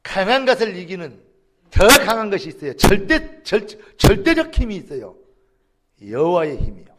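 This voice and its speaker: A man preaching a sermon as pastor, acting out quoted lines and rising to shouts. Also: high voice, sing-song, moderate pace. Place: church sanctuary.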